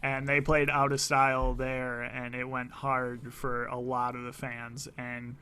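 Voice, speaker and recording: A man's voice: medium pitch, monotone, a little slow, bright, forceful tone, clear, resonant tone. A man hosting a podcast, chatting casually and enthusiastically with some swearing.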